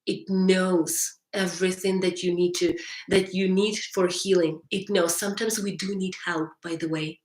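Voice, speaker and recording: A woman's voice: on the low side, level tone, moderate pace, a little mellow, reverberant. A woman hypnotherapist talking on a live stream and answering viewers' chat, who often ends sentences with "right?" and restarts her phrases.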